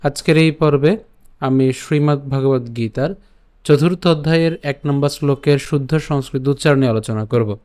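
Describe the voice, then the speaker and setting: A man teaching Sanskrit verse pronunciation, chanting each line slowly and then explaining quickly. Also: mid-range voice, darkish tone. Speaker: Gita recitation teacher. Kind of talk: slow syllable-by-syllable recitation lesson.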